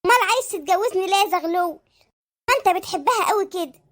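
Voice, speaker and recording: Squeaky sped-up voice doing a greedy flirty mistress, Adlout. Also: expressive, fairly bright tone. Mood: coy demanding. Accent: Egyptian Arabic. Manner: coy, demanding, fast. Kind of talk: comic cartoon dialogue.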